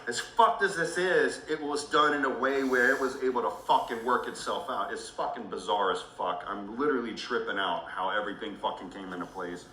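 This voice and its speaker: A man's voice: mid-range voice, fairly quick, few pauses, bright, forceful tone, reverberant, a little hiss or hum, poor audio. A man ranting angrily on a livestream, swearing heavily, angry and emotional. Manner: heavy swearing, furious and emotional. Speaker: livestream host.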